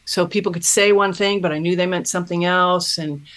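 A middle-aged woman, a podcast guest, telling her story in an earnest, thoughtful way, often pausing and restarting a thought. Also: on the low side, fairly even intonation, fairly bright tone. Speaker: podcast guest, self-mastery mentor. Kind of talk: reflective personal storytelling.

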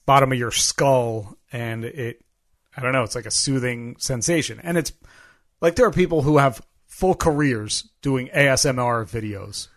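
A man's voice: medium pitch, moderate pace. A man in his thirties co-hosting a podcast, joking in a playful, self-mocking way. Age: 30s. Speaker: podcast co-host. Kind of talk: casual comedic chat.

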